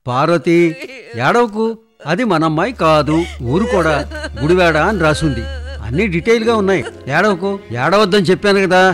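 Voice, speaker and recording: An actor playing a worried middle-aged father who pleads with his crying wife to calm down. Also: brisk. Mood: pleading. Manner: pleading, soothing, lively pitch.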